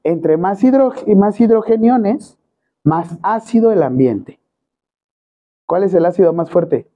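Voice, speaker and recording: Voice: medium pitch, animated, measured pace, dark tone. A teacher with a Mexican Spanish accent gives a classroom lecture and keeps quizzing the students with questions. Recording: tinny phone-quality recording.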